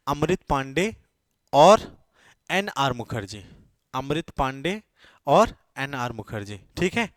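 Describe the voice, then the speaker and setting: A man's voice: medium pitch, a bit bright, no room sound, clean studio sound. A male teacher giving a classroom lecture, dictating notes, repeating key words and checking in with his students.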